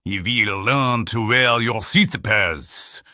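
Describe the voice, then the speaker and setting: A man voicing a stern male authority figure who dictates rules slowly and menacingly in a cartoon. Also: lowish voice, pushed and bright, dry recording, clean studio sound, heavily acted. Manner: slow, menacing, dictating orders.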